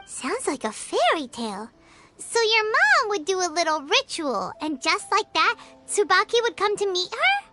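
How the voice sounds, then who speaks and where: A woman voicing a small, perky, curious childlike fairy companion in a video game, with a squeaky, chirpy, exaggerated cartoon delivery. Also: big pitch swings, moderate pace. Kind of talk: English video game voice acting. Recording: loud game music behind the voice. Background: loud playful game music.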